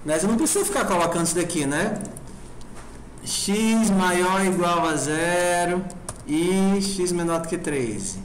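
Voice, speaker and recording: A man teaches a programming class with a slightly higher voice, spelling things out slowly and checking in with the students as he goes. The classroom sound is roomy, with a faint hiss behind him. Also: expressive. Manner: informal, asks the class constant check questions. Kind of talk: classroom lecture.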